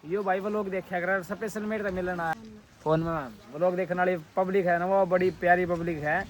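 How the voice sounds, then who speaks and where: A man's voice: high-pitched, steady tone, brisk. A young man with a Haryanvi accent, chatting casually to viewers and family at home in a vlog. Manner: chatty, storytelling, addresses viewers as brother. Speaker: vlogger.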